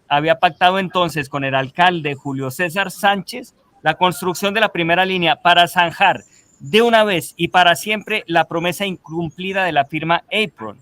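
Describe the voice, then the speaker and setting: High-voiced columnist reading satire. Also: male voice, pushed and bright. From Colombia. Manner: dry, brisk satirical reading.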